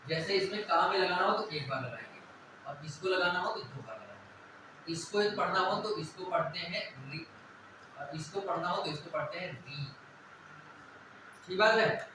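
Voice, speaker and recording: A man's voice: sits high, fairly quick, background noise. A man teaching a Hindi grammar lesson, explaining step by step and often checking whether students follow. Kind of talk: classroom lecture on Hindi vowels. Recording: echoey room, voice from a distance.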